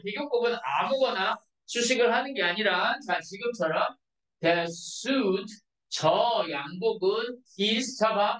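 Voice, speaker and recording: A woman teaching an English grammar lesson in Korean to a class, constantly checking with her students through short questions. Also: medium pitch. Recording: echoey classroom from far off.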